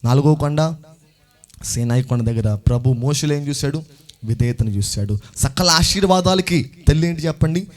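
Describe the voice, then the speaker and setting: A man preaching a sermon as pastor, repeating phrases and building to loud exclamations as he calls on the congregation to answer back. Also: fairly high pitch, moderate pace. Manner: call-and-response preaching, urging the congregation to answer louder.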